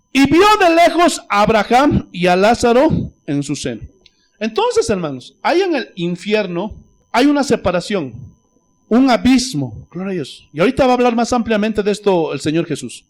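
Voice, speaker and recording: Fervent high-voiced male pastor. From Bolivia. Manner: fervent, rising to shouts and dropping to near-whispers; peppers speech with "gloria a Dios". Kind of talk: sermon.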